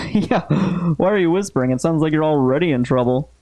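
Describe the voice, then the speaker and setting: A man giving casual, low-key playthrough commentary as a gaming host, musing aloud and reading out game text. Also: a little fast, dark tone, dry recording.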